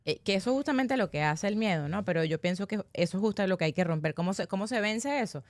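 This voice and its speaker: A woman's voice: medium pitch, animated, fast talker, no echo. A woman who is a breathing specialist, joining a live online workshop and sharing thoughtful personal reflections.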